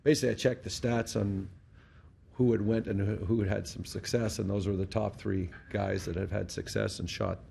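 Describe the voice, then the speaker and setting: A man's voice: lowish voice, fairly even intonation, moderate pace, gravelly, dark tone, a little hiss or hum. A middle-aged Canadian man answering reporters at a post-game press conference, blunt and matter-of-fact, talking into a desk mic. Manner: blunt, matter-of-fact, restarts words often. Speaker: hockey head coach. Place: press conference room in front of a sponsor backdrop. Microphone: desk mic on a stand.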